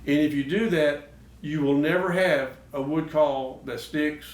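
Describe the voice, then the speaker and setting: A man's voice: on the high side, measured pace. A man hosting a show, giving casual, instructional talk. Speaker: host of a duck call show. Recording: echoey noisy room, distant mic.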